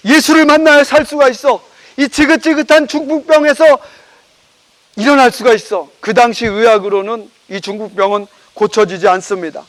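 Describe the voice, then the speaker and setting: A male pastor delivers a sermon with dramatic, vivid storytelling. His voice is strikingly high for a man. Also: poor audio.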